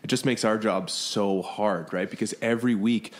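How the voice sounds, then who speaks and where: A man, a beach volleyball player, chatting on a podcast in a quick, self-correcting way. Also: lowish voice, steady tone. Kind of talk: casual chat.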